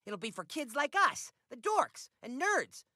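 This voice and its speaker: Nerdy teen boy, bright, high, theatrical, lively, faint music behind. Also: unhurried, no room sound, clean studio sound, full character voice. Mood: eager. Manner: excitable, theatrical outbursts. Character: nerdy teenage boy, eager and dramatic. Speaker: cartoon character. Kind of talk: animated sitcom acting.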